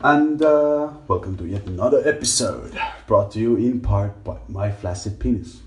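A man's voice: fairly low pitch, normal speed. Irreverent male podcast host in an echoing bathroom. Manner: irreverent, tongue-in-cheek. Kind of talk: casual, crude comedic podcast chat. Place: bathtub in a small bathroom.

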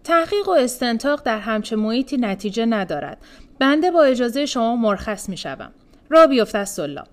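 A woman's voice: on the high side, very animated. A woman reading the part of a formal, curt older man who ends the meeting.

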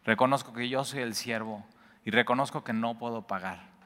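Man preacher, bright voice, emphatic then hushed, long hall reverb. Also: mid-range voice, normal speed. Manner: animated, swings between emphatic and hushed. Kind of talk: sermon.

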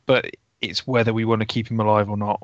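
A man's voice: on the low side, little pitch movement, fast talker, dry recording. A man player in a tabletop game, talking hesitantly and restarting often. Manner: hesitant, repeats words. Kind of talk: tabletop role-play chat. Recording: dull, dry lo-fi mic.

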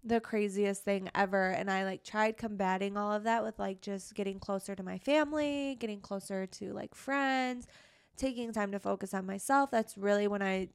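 A woman's voice: medium pitch, moderate pace, vocal fry, clean tone. A young woman co-hosting a podcast in casual chat, full of "like" fillers and casual swearing. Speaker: podcast co-host. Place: podcast studio.

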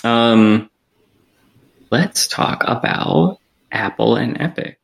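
A man co-hosting a casual tech podcast from a small attic meeting room. He talks in a loose, rambling way with many fillers, and the room gives his voice a clear echo. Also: mid-range voice, expressive, drawn-out words. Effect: echoey room sound. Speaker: podcast co-host. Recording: echoey room, remote podcast call.

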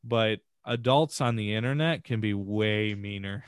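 A man's voice: lowish voice, a little slow, clear, resonant tone, dry recording. A man talking as a podcast guest, telling stories in an earnest, rambling way. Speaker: podcast guest, family streamer. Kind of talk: casual conversational interview.

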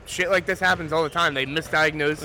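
A man co-hosting a live sports podcast in a school gym, talking in quick runs full of "like" and swearing. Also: a little high, fairly even intonation, pushed and bright, a little hiss or hum. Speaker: podcast co-host. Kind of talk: casual sports banter. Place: high school gym at a basketball tournament.

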